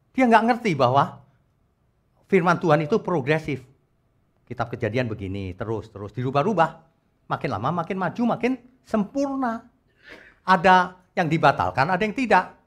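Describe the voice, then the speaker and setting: A middle-aged male pastor preaching a sermon, animated and teasing, with rhetorical questions and sudden shifts between loud quotes and low asides. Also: moderate pace, pauses often. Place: church.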